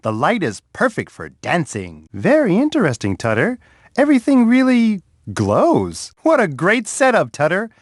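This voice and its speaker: Kindly big bear, children's game guide, warm and coaxing, voice soaring up and down, dry close sound. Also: male voice, sits high, huge pitch swings, moderate pace, dry recording, exaggerated voice. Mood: friendly, coaxing. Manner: warm, patient, talks straight to a young child. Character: big friendly male bear host, gentle and encouraging. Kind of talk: children's edutainment game voice clips.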